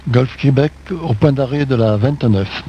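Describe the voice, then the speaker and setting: A man's voice: mid-range voice, a little slow, dull audio. A man speaking as a pilot, making radio calls and readbacks over a cockpit headset. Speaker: pilot on air traffic radio. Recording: faint aircraft noise, headset radio.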